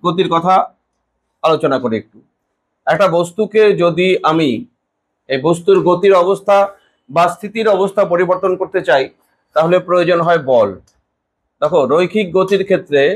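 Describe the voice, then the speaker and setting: A man. He talks in short spoken chunks, often putting a question to the class and answering it himself. His delivery is patient and explanatory, like a teacher working through a problem. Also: high voice. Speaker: physics teacher. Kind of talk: classroom lecture.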